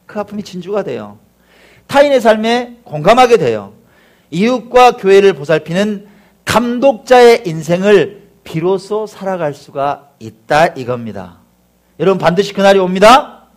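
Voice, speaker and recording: A man's voice: sits high, moderate pace. A man preaching a sermon as pastor, telling a story with acted-out voices and sound effects and calling out to the congregation for replies. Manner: animated storytelling, acts out crowd cheers and crashes.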